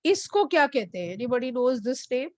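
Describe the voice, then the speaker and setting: A woman's voice: high-pitched, very animated, a little slow, a little mellow, no echo. A woman teaching a physics class online, switching between English and Hindi and calling on students by name to answer.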